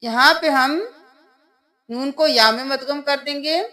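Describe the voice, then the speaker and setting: Woman Quran tutor with a Pakistani Urdu accent, high voice, patient step-by-step spelling-out of letters. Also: bright, forceful tone. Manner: patient step-by-step explaining, then slow drawn-out chanting of verses. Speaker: Quran recitation teacher. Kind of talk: spelling-out recitation lesson.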